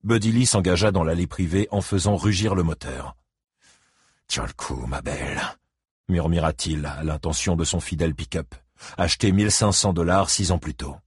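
A man reads a novel aloud in a steady, measured way. His voice sits somewhat low with a husky grain, recorded dry and close. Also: dry recording. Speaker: audiobook narrator. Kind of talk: scripted narration.

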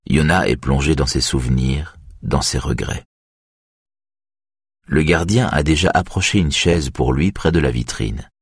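Very deep husky male narrator. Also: no echo, studio quality. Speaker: audiobook narrator. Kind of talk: scripted narration.

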